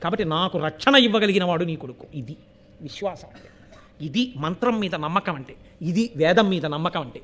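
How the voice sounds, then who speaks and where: High-voiced man giving a scripture discourse. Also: brisk. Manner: animated storytelling, chanting Sanskrit verses; swings between loud emphasis and hushed asides. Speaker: spiritual discourse speaker.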